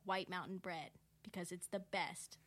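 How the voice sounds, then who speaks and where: A woman's voice: fairly low pitch, fairly even intonation, moderate pace, a bit bright. A young woman who is a podcast guest, chatting casually and giggling, with a lot of fillers. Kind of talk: casual chat.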